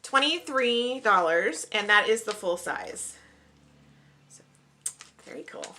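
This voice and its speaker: A young woman vlogger chatting casually as she unboxes beauty products, upbeat and quick to call everything exciting. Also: medium pitch, noisy background.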